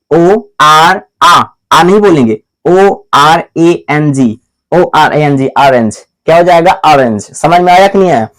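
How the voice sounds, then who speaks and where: A man with a fairly high voice teaches grammar in a drilling, repetitive classroom manner. He keeps asking the same question and answering it himself, and he often calls the listener "my brother." He also spells words out letter by letter at a slow pace. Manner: repetitive call-and-response questioning, answers his own questions; addresses the viewer as "my brother". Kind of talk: classroom-style grammar lesson.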